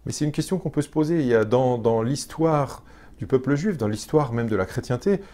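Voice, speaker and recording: Guy preaching, chatty, keeps asking the crowd stuff, lots of restarts, mid pitch. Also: animated, fairly quick, dark tone. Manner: conversational, asks the congregation questions; frequent restarts and hesitations. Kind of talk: sermon.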